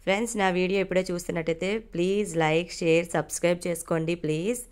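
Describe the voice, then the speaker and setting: A woman's voice: fairly low pitch, fairly even intonation, fast. A woman hosting her cooking channel, casually narrating a recipe step by step in a friendly, polite way.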